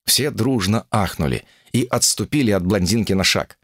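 A man narrating an audiobook in an even, steady storytelling manner. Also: lowish voice, normal speed, dry recording, clean studio sound. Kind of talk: scripted narration.

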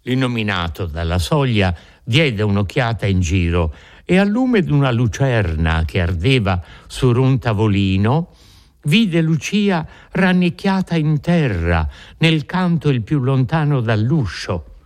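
A man narrating a classic novel as an audiobook in a measured, expressive way. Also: medium pitch. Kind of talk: literary audiobook reading.

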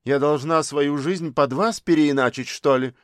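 A man's voice: fairly high pitch, unhurried, no room sound, clean studio sound, natural voice. Man voicing a scolding, scornful middle-aged mother. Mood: indignant. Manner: sharp, scolding, sarcastic.

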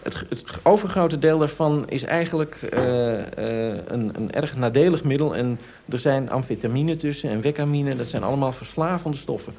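In an informal radio discussion, a man answers questions as an expert, explaining things step by step but hesitantly, often hunting for the right word. His middling-pitched voice has a darkish tone, and he moves at a moderate pace with hardly any pauses.

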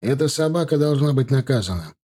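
A man's voice: mid-range voice, lively intonation, brisk, warm tone, pitched above the performer's own voice, lightly acted. A man voicing a grim, vengeful cousin, a former sniper, in an audiobook.

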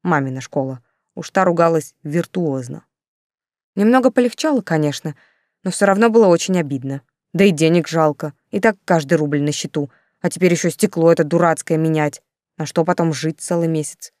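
A woman reading a novel aloud as narrator, telling the story with lively wry asides. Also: sits low, a little fast, no echo, clean studio sound. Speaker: audiobook narrator. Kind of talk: scripted narration.

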